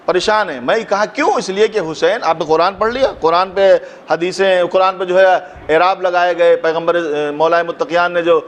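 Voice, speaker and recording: A man's voice: high-pitched, steady tone, hardly any pauses. A man, a cleric giving an impassioned mourning sermon at a mosque gathering, who asks rhetorical questions and rises into a fervent recited couplet.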